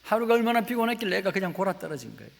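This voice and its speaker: A man in his forties preaching a sermon, telling a family story with lively acted-out dialogue and sudden drops to a whisper. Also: high-pitched, racing, vocal fry. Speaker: pastor. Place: church sanctuary. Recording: echoey church hall with faint hiss.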